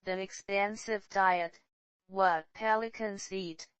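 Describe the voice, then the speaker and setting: A woman's voice: medium pitch, fairly even intonation, slow, a bit bright, clear, resonant tone, no echo. A woman announcing section titles in scripted nature documentary narration.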